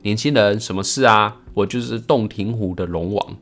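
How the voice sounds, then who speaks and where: A man voicing a chatty, easygoing male dragon king in a casual retelling, speaking in a low, offhand way. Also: moderate pace, a bit bright. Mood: calm.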